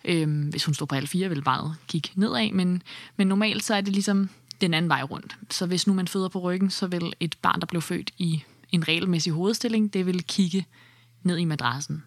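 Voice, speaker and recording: A woman explains births in casual podcast talk, her voice soft and at times breathy. She speaks a little lower than most women. The recording is dry and close. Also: no room sound. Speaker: birth expert commenting.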